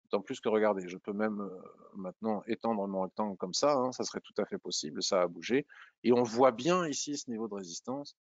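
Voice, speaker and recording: A man's voice: fairly low pitch, lively intonation, fairly quick, creaky, dry recording, dull audio. A man walking through stock charts in a screen-share tutorial, thinking aloud with frequent hesitations and restarts. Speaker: trading analysis presenter.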